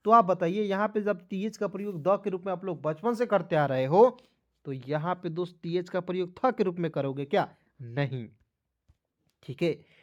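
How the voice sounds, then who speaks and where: Male online tutor, high voice, repetitive question-and-answer drilling, dull recording. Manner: repetitive, drilling, asks questions back to viewers. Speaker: English teacher. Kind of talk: spoken spelling lesson.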